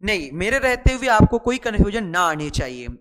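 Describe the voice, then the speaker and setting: Brisk and very animated, the man has a high, slightly bright voice followed by a long reverb tail. He's explaining shorthand while writing in a chatty online lesson, repeating words and taking up his students' questions to answer them himself.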